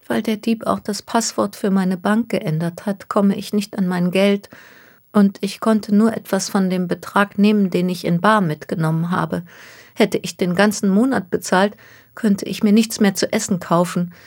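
A woman's voice: medium pitch, steady tone, normal speed, a little mellow, pitched above the performer's own voice, natural voice. Woman voicing a distraught young woman near tears. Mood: tearful. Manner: pleading, close to tears. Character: young woman, distraught, stranded by a cruel hoax.

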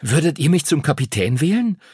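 A man voicing an eager, scatterbrained boy who rushes his words and stammers when nervous. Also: a little high, sing-song, a little mellow, breathy edge, no room sound, clean studio sound, pitched above the performer's own voice, full character voice.

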